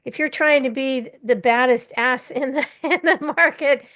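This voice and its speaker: Older woman, podcast guest, slightly high voice, direct and plainspoken. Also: a little slow, a bit bright. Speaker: interview guest, marketing leader. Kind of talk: casual interview chat.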